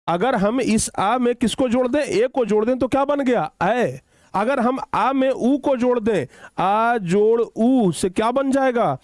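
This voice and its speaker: A man teaching children a grammar lesson, repeating phrases slowly for dictation and often checking whether they have understood. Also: very high-pitched, no echo, studio quality. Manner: slow, repetitive dictation, drawing out words; addresses students affectionately, checks understanding often.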